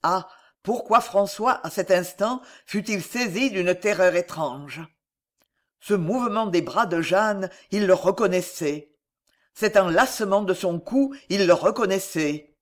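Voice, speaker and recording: A man reading a classic novel aloud as an audiobook, measured and expressive with dramatic pauses. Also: high voice. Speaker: audiobook reader.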